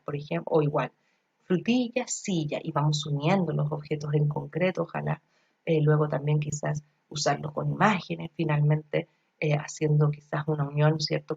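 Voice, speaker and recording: Woman, lecturer: low, creaky voice, dull lo-fi laptop recording, explanatory teaching tone. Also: darkish tone. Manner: explanatory, addresses listeners directly, frequent fillers. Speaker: early childhood education lecturer.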